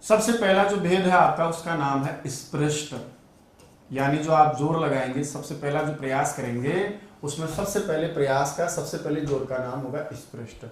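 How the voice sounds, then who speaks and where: Man, Sanskrit teacher, online exam-prep lesson, asks and answers himself, fairly high voice, very echoey room. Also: moderate pace. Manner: repeats key terms, asks and answers his own questions.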